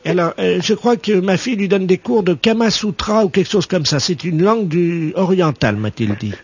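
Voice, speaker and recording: Man faking a husky, fussy old lady on a muffled phone line. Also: sits high, expressive, moderate pace, no echo, full character voice. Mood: innocent, rambling. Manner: rambling, innocent, hesitant. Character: naive, fussy older woman caller. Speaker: prank caller. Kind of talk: prank phone call. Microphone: telephone.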